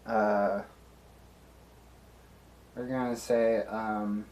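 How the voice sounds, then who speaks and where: A man playing a solo tabletop game on a live stream, deliberating out loud with many fillers and restarts. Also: on the low side, level tone, extremely slow.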